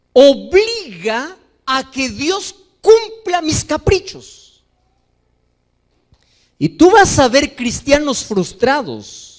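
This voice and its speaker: Male pastor, sermon, very high voice with wide swoops, questions the crowd, slows for emphasis. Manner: preaches to a congregation, asks them questions; acts out quoted voices in a raised pitch.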